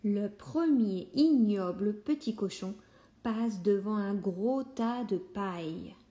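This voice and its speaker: A woman reads a children's story aloud at a slow, unhurried pace. Her voice is mellow and soft-edged, and her delivery is calm. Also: mid-range voice.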